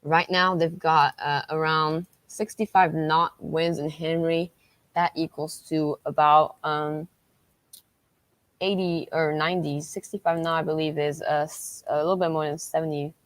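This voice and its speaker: A woman hosting a livestream as a weather tracker, talking through storm updates unscripted in a halting, repetitive way. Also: low-pitched, level tone, no echo.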